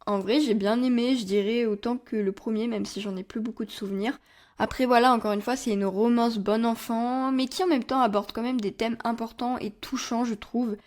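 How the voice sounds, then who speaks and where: A young woman talks casually through her month of reading, candid and a little playful. Her voice sits a bit higher than most. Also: fairly even intonation, normal speed, a little mellow. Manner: chatty and candid, with playful asides. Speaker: book vlogger. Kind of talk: casual book review monologue.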